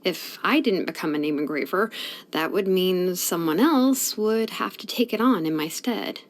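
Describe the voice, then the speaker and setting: An actress voices a laid-back, sleepy young female blacksmith for a video game, talking casually with a relaxed drawl in a lowish voice at normal speed.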